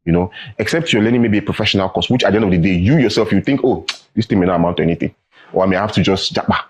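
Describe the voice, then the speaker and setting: A young adult man with a Nigerian accent, founder of a tech training company, is a guest in a studio interview, explaining things earnestly and often asking "right?" or "you know." His voice is low and breathy-edged, and he speaks at a racing pace.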